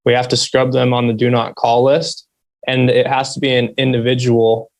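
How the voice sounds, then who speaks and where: Male interview guest, soft flat voice, mid-pitched, very little inflection, understated. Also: moderate pace. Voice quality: soft, quiet, monotone voice. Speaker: interview guest, solar business owner. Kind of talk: interview conversation.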